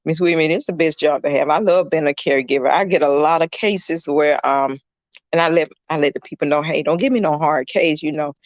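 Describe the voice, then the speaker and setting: A man's voice: a little high, fairly quick, dry recording, lo-fi sound. A middle-aged man, a caregiver chatting casually on a livestream. He rambles, fills his talk with "you know" and greets viewers by name. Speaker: caregiver streaming live. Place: indoors at a client's home.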